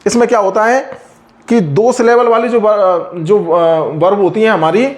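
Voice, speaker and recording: A man explains grammar rules like a teacher. He speaks patiently and drags out example words slowly so each sound comes through. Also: high-pitched, steady tone. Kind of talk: explaining a lesson.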